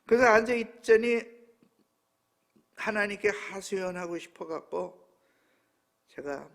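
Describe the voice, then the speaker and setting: Old korean pastor in his 70s preaching, high gravelly voice, goes quiet then loud real emotional. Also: animated, slow pace. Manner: emotional storytelling, swinging from hushed to loud. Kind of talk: sermon.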